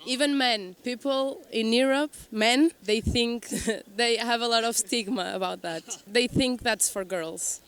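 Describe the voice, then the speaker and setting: A woman's voice: fairly high pitch, measured pace, few pauses, fairly bright tone. A woman from Portugal giving casual, open interview answers.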